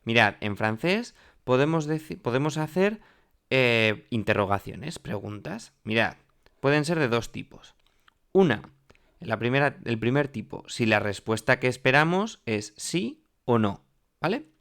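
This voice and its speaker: A male teacher whose first language is Spanish walks students through a French grammar lesson. His voice sits at an ordinary middle pitch, and he leans on rising emphasis to mark key words. He often checks in with the class as he explains. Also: sing-song, a little slow, fairly bright tone, smooth. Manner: explanatory, repeats "¿vale?" and "mirad" often.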